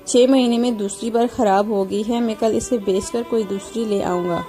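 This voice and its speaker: A woman voicing a young husband who talks plainly and is sometimes sharp. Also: a little high, fairly even intonation, soft background music, natural voice. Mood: stern. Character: young husband, loving but stern at times.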